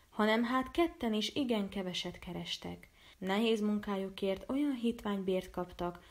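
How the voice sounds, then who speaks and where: A woman narrating a storybook in an even, measured reading voice. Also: medium pitch. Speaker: storyteller and illustrator.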